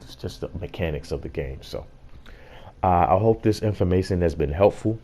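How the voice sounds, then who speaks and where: A man's voice: low voice, animated, moderate pace, dark tone. A man giving a casual gameplay tutorial as host, explaining things in an informal way.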